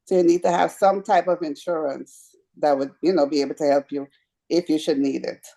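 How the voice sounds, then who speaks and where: A woman speaks with a warm, dark tone that sits a little low. She is introducing herself and explaining her home care work at a community meeting. She talks in a friendly, chatty way, with small hesitations as she goes. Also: fairly even intonation, fairly quick, vocal fry. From Guyana. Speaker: home care agency owner.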